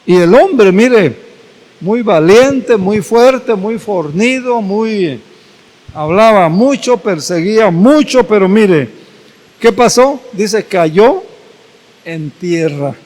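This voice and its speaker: A man pastor preaching a sermon, retelling scripture slowly and dramatically with repeated phrases. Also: high-pitched, expressive, a little mellow. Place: church hall. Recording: echoey church hall.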